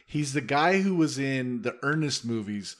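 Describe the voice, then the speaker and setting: A man's voice: mid-range voice, animated, moderate pace. A man co-hosting a podcast in a casual film discussion, laid-back and often laughing as he tells anecdotes. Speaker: podcast co-host.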